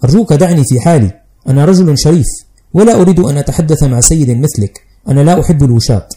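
A man's voice: a little high, lively intonation, very fast, mellow, close to an everyday voice. A man voicing a blunt, hot-tempered young male teacher who speaks curtly and with scorn, in an audiobook reading. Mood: scornful. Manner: curt, scornful.

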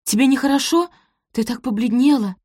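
Audiobook side role: chatty, kind teenage daughter voiced by a woman, raised pitch, dry close sound. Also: expressive, normal speed, darkish tone, no room sound. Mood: eager, worried. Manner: eager, worried, chattering.

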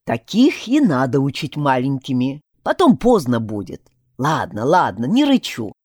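A woman voicing a gruff, stern male dog mentor in a storybook reading, talking slowly and growling. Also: rumbling low, huge pitch swings, a little mellow, dry recording, studio quality, voice pushed down, heavily acted. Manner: slow, growling, scolding.

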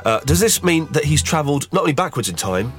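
Man, podcast host, has a cold, animated voice, casual chat, music behind. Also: a little high, quick pace.

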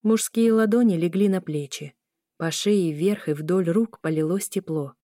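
Female audiobook narrator, calm and even, warm dark tone, dry close recording. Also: on the low side, measured pace, no echo.

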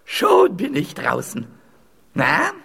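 An actor playing a clumsy, vain castle ghost in a radio play, who speaks in an old-fashioned way and swings between wailing and shouting. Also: huge pitch swings, takes it slowly, vocal fry, husky, heavily acted. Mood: triumphant. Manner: theatrical, with wild leaps in pitch, wailing and sudden shouts.

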